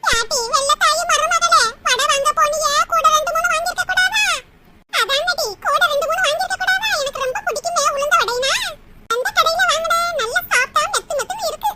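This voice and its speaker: Squeaky, nagging old mother-in-law. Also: a little fast. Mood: greedy, pleased. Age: older. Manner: scolding, nagging. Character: sharp-tongued old mother-in-law, quarrelsome. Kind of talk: cartoon comedy voice acting. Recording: loud background noise.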